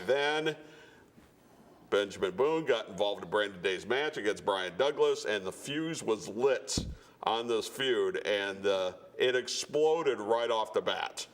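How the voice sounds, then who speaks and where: Low-voiced male wrestling show host. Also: slow. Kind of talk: casual promotional studio-style presenting.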